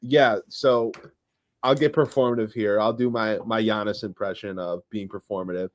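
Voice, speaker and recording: A man's voice: fairly low pitch, fairly even intonation, normal speed. A man co-hosting a sports podcast, talking plainly and earnestly to listeners. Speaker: podcast co-host. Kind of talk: casual sports podcast chat.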